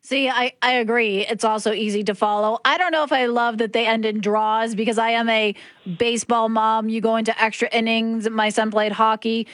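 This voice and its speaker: A woman's voice: a little high, little pitch movement, fairly bright tone, no echo. Woman radio host, upbeat, emphatic, studio mic, dry close sound. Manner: upbeat, emphatic, quick to repeat words. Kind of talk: morning radio show. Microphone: studio microphone.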